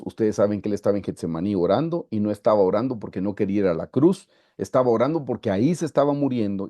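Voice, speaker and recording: Male Guatemalan preacher, emphatic sermon delivery, warm low timbre, dry video-call sound. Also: no echo. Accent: Guatemalan Spanish. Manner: emphatic, slows and stretches scripture quotes. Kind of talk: Bible study sermon over video call. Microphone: video call mic.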